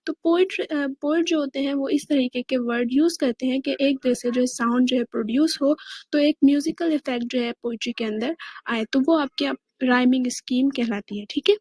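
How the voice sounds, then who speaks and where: A woman's voice: high voice, moderate pace, darkish tone, no room sound. A woman with a Pakistani Urdu accent giving a classroom lecture on poetry, explaining step by step and checking in often with "okay". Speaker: English teacher.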